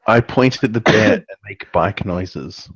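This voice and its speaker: A man's voice: on the low side, unhurried, slightly rough, no room sound, dull audio. A young man playing a tabletop game, goofily describing his character's actions and making puns. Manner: goofy, punning. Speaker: player.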